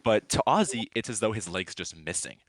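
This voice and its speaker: Lively low-voiced game master. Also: male voice, a little fast. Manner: lively, playful narration. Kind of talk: narrating a tabletop game.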